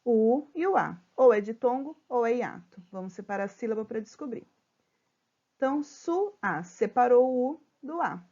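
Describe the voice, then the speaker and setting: A Brazilian woman teaches a remote grammar lesson to children in a slightly high voice. She is patient and spells out syllables slowly. She keeps checking in with them. The sound is muffled and lo-fi, as if from a laptop mic. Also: lively intonation, dark tone. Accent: Brazilian Portuguese.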